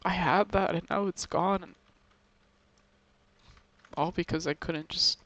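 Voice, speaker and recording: An upset young man records a confessional vlog, near tears and sighing as he speaks. His voice sits a little high and has a gravelly fry. He talks haltingly, stopping and restarting often. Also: steady tone, fairly bright tone. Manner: halting, with many pauses and restarts. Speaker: video creator talking to subscribers.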